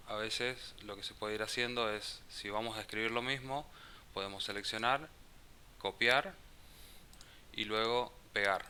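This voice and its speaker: A man with a low voice and a very bright, forceful tone teaches a live coding class. He speaks slowly and haltingly, thinking aloud and restarting phrases as he works through code, with a faint hiss beneath his voice.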